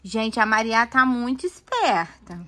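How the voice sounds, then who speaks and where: A woman's voice: on the high side, big pitch swings, a little slow, pushed and bright. A woman with a Brazilian accent hosting a casual home vlog from a toy corner indoors, playfully coaxing a toddler and talking to her viewers. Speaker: family vlogger host.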